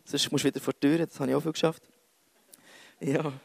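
Chatty swiss german preacher, gravelly. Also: male voice, fairly high pitch, flat delivery, fairly quick, darkish tone, dry recording. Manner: chatty, self-mocking, jokey asides. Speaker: youth preacher. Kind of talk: casual sermon.

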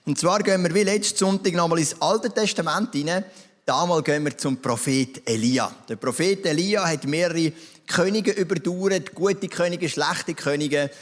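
A man's voice: on the high side, moderate pace. A man with a Swiss German accent preaching a sermon, telling a Bible story conversationally and addressing listeners directly. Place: church hall. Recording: reverberant church hall.

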